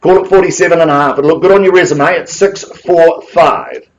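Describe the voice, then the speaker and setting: A live property auctioneer with a New Zealand accent calls bids to a room of bidders in rapid, rhythmic patter sprinkled with quips. His voice is big and booming, with lively intonation. The recording sounds muffled.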